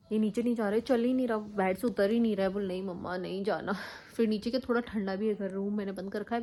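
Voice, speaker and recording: A young mother films a casual home vlog on her phone in a bedroom, speaking softly about her sick child. She coos at him in a higher voice.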